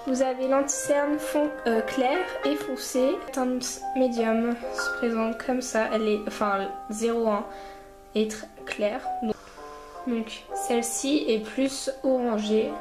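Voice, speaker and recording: A woman's voice: a little high, level tone, slow, over music. Chatty woman vlogger, echoey room. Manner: rambling, chatty, talks to viewers directly. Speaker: beauty vlogger. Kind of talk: casual makeup review and tutorial.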